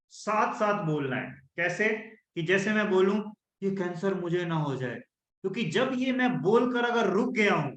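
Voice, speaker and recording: A man coaching an online workshop on a video call, animated and acting out the tones he describes. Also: sits high. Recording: echoey room, dull lo-fi sound.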